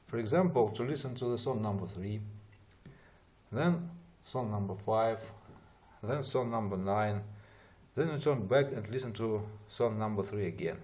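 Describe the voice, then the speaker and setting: A non-native English-speaking man narrates a software tutorial, explaining things methodically step by step. His voice is fairly low and unhurried.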